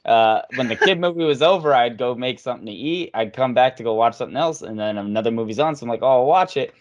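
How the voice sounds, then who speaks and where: A man's voice: mid-range voice, expressive, fast, highs cut off. Laid-back man swearing in casual chat. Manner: loose, swears freely, laughs often. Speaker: podcast co-host.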